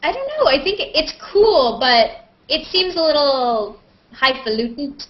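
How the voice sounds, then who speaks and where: Hosting a live question-and-answer video call, a woman keeps things casual, joking and poking fun at herself. She has a high, sing-song voice at a measured pace, heard through a muffled, lo-fi internet connection.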